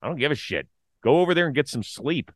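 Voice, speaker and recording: A middle-aged man co-hosting a casual sports talk show, animated and opinionated, full of quick asides. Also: a little high, no room sound. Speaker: podcast co-host.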